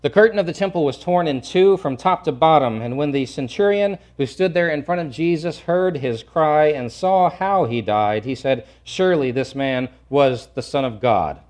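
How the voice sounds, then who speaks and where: A man preaching a sermon, swinging from loud to hushed and repeating phrases for emphasis. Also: on the high side, expressive, normal speed, hardly any pauses. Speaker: pastor.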